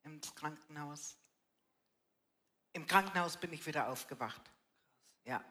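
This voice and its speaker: Older woman, bright forceful voice, blunt. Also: low-pitched, a little slow. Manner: blunt, colloquial, often tags sentences with "ne". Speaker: guest telling life story at church. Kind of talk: personal testimony in a casual interview. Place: live church event with audience.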